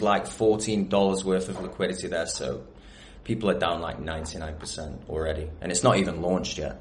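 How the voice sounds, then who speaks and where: A man co-hosting a casual online audio chat, chatty and jokey. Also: low voice. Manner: chatty, jokey, calls people brother. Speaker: co-host. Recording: echoey room with faint noise.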